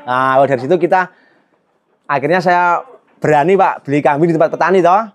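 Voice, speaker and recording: A man's voice: fairly high pitch, brisk. A middle-aged man, earnestly telling his life story in an interview, often adding a polite "Pak". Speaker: goat farmer and trader.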